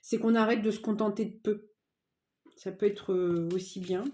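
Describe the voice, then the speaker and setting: A woman's voice: mid-range voice, steady tone, moderate pace, mellow. Chatty hesitant woman reading tarot. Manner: hesitant, many fillers, chatty and informal. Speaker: tarot card reader. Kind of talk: casual tarot reading to viewers.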